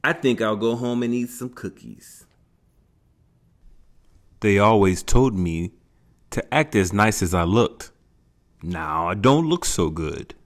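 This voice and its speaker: A man's voice: lowish voice, expressive, takes it slowly, long pauses. A man reading aloud who voices a whiny, self-pitying, defeatist party guest grumbling about life.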